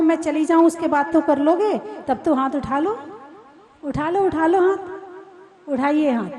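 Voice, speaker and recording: A woman nun delivers a sermon at an unhurried, deliberate pace. Her voice sits high, and she talks to the crowd conversationally, teasing them and asking questions. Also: dark tone. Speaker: Jain nun preaching. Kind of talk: sermon to a live audience. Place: hall with a live audience.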